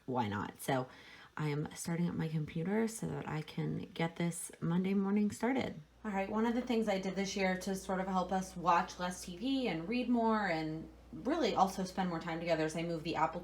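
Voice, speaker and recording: A woman's voice: lowish voice, a little hiss or hum. An American woman talking casually to her vlog audience in an informal, rambling way, often correcting herself as she goes. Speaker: vlogger. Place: indoors at home.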